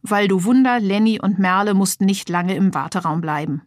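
A woman narrating a children's audiobook in a lively, clear way. Her voice sits mid-range and the recording is close and dry. It is steady, scripted storytelling. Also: medium pitch, moderate pace, dry recording.

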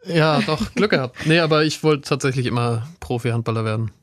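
A professional handball player chats casually as a guest in a laid-back, understated way. His mid-range voice moves a little fast, with no room sound.

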